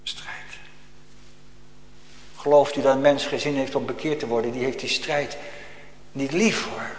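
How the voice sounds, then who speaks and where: A man's voice: medium pitch, fairly even intonation, measured pace. Man preaching in an echoing church. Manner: swings between loud emphatic preaching and quiet, almost whispered asides. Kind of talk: sermon. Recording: echoey church hall.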